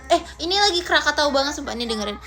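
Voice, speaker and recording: A woman's voice: sits high, big pitch swings, rapid-fire, sharp tone. A woman live streaming from home, chatting casually and playfully teasing her viewers as she reads their comments aloud. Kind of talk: casual livestream chat reading viewer comments.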